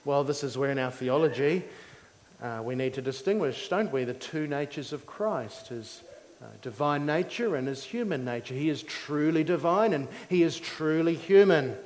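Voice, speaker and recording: A male preacher with a slightly high voice gives a teaching sermon in a long, reverberant hall. He explains simply and deliberately, phrase by phrase, in a measured didactic manner. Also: expressive, a little hiss or hum.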